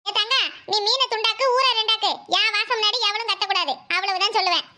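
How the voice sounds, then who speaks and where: A woman's voice: very high voice, steady tone, quick pace, sharp tone, full character voice. A woman voicing a sly, greedy young village woman in a cartoon, mocking and theatrical, with a Kanyakumari Tamil accent. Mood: mock wailing. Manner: mocking, theatrical wailing, gossipy. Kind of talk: cartoon voice acting.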